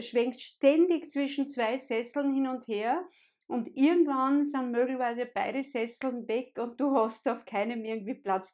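A woman's voice: on the high side, a little mellow. A woman hosting a solo coaching podcast, explaining step by step and speaking directly to the listener. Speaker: podcast host and life coach.

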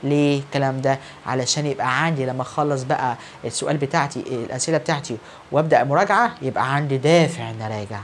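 In a recorded online lesson, a man with an Egyptian Arabic accent teaches English grammar in a medium-pitched voice. He's brisk and encouraging, answering students who aren't actually there, and a little hiss or hum can be heard.

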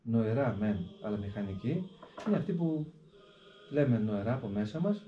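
A hermit monk with a medium-pitched, expressive voice explains a prayer during an interview, speaking deliberately and often repeating a filler word. He recites the prayer slowly, shifting the stress as he goes. The recording is echoey and dull, with faint background noise.

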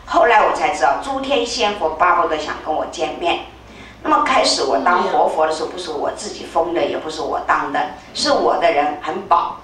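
An older woman telling a religious testimony as a spiritual leader, animated, acting out voices with sudden high leaps. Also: a little fast. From Taiwan. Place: temple hall. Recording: very echoey hall, distant mic, faint hiss.

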